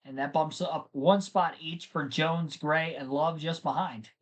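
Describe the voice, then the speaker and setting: Hosting a live race stream, this man speaks at a fairly high pitch with a steady tone and measured pace. Between race updates he chats casually with his viewers, rambling and talking straight to chat.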